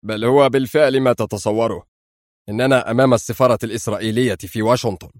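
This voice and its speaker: A man's voice: medium pitch, quick pace, darkish tone, dry recording, studio quality, close to an everyday voice. A man doing a cool, commanding secret agent. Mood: firm. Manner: firm, clipped, commanding. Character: fearless male secret agent, firm and decisive.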